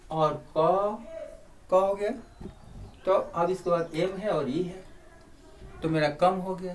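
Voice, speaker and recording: An Indian man teaching a spelling lesson, switching between Hindi and English and repeating words to drill their sounds. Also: sits high. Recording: distant mic, faint background noise.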